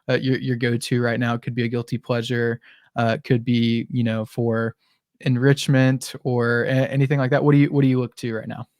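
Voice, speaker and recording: A man's voice: mid-range voice, darkish tone, no room sound. Male podcast host, stop-start delivery, dry close sound. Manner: halting, many restarts and repeated words. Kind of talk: casual podcast interview.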